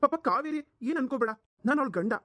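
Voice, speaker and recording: A woman's voice: sits high, animated, fast, fairly bright tone, no echo. A woman voicing a flustered young husband in a cartoon, pleading and exasperated. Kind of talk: cartoon voice acting.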